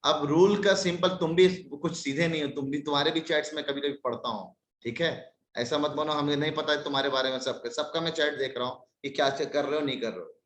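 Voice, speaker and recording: Animated male teacher in echoey room. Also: on the high side, a little fast. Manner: lively, scolding in jest. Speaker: maths teacher. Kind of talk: live online class.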